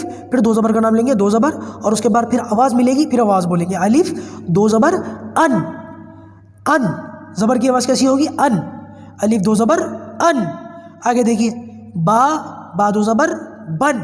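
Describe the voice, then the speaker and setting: Male Quran teacher, Pakistani Urdu accent, has a cold, high voice, reverberant room. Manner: patient, slow spelling-out drills. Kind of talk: online class lesson.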